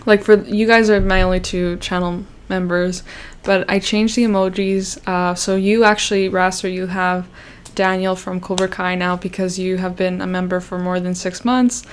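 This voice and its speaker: Chatting casually on her livestream, this young Canadian YouTuber has a lowish, level voice at a moderate pace, with slight background noise. She sounds self-conscious, wandering through fillers and false starts.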